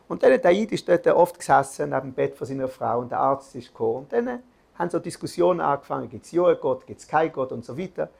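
A man's voice: a little high, expressive, quick pace, vocal fry, darkish tone. A man giving an earnest religious lesson, telling a story with restarts and filler sounds.

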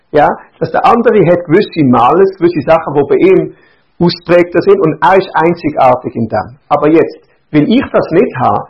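A man giving a Torah lecture as a rabbi, explaining step by step and repeating his points with rhetorical questions. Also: high-pitched. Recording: dull lo-fi recording.

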